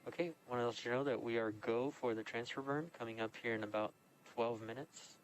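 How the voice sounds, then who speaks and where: A man calling up to a spacecraft crew over a crackly radio link, giving brisk mission calls. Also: medium pitch, steady tone. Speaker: ground controller. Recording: distant radio audio with faint noise.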